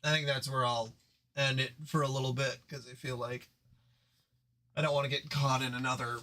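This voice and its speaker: A man's voice: mid-range voice, flat delivery, normal speed, sharp tone. A man reading a story game aloud, with casual let's play commentary.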